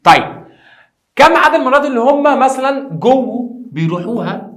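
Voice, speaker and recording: A man with an Egyptian Arabic accent explaining English grammar in a lively, teasing classroom style, speaking directly to his students. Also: very high voice, a little fast. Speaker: English teacher.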